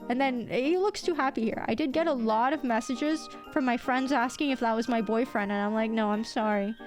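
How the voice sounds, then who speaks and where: A woman's voice: high voice, brisk, faint music behind. A young woman streaming live, chatting casually and teasing herself, with a slight lisp, a somewhat nasal voice, and a touch of sickness. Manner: chatty, self-teasing, rambling. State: a little sick. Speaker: VTuber streamer.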